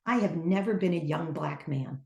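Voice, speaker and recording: An older woman talking earnestly and reflectively as a podcast guest, stressing her points with lively emphasis. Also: low-pitched, moderate pace, vocal fry, roomy sound. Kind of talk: casual conversation.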